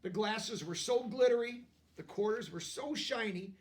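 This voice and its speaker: At a moderate pace and picked up by a distant mic, a man with a notably high voice reads a children's storybook. He's animated and expressive, pausing for asides that explain words and pictures to young listeners.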